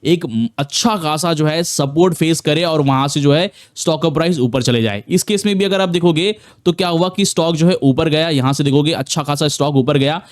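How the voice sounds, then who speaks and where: A man's voice: fairly high pitch, brisk, few pauses, dry recording, clean studio sound. Chatty man teaching trading. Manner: chatty, repetitive, many fillers and restarts. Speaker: trading educator. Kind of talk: casual screen-share tutorial.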